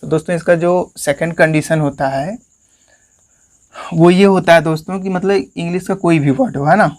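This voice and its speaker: A man's voice: a little high, normal speed, a little mellow. A man with a Hindi accent teaching English grammar in a classroom-style lesson, often calling his listeners friends and asking questions that he answers himself. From India.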